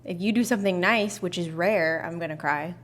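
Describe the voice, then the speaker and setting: A woman's voice: lowish voice, brisk, fairly bright tone, a little hiss or hum. A young woman co-hosting a casual couple's podcast, playfully teasing her partner with mock-dramatic flair. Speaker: podcast co-host.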